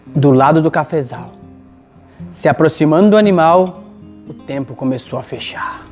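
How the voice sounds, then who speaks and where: A woman's voice: deep voice, lively intonation, moderate pace. A woman with a Brazilian accent telling a rhymed folk tale in a rhythmic, dramatic way. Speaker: storyteller. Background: soft guitar music.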